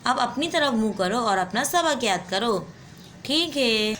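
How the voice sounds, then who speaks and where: A woman's voice: a little high, expressive, unhurried, fairly bright tone, a little hiss or hum. A woman voicing a bossy little girl in a doll play story who scolds and threatens to tell on her friend.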